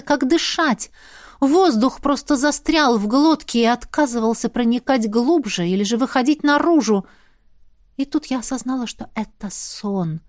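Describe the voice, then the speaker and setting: A woman reads a first-person fantasy tale in a fairly high voice, recorded dry and close. She shifts between hushed, tense passages and rising cries. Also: dry recording. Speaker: audiobook narrator.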